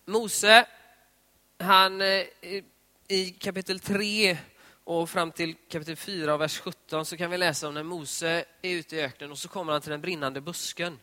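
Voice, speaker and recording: A man giving a conversational devotional talk on prayer, retelling scripture scenes in lively voiced dialogue. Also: on the high side. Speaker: preacher. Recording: long hall reverb.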